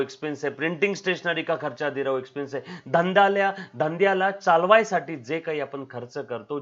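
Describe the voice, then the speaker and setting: A man teaching a commerce class on video, repeating his points over and over and calling the students "beta". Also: medium pitch. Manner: repetitive, drilling, calls students "beta". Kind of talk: recorded video lecture. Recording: slightly dull lo-fi sound.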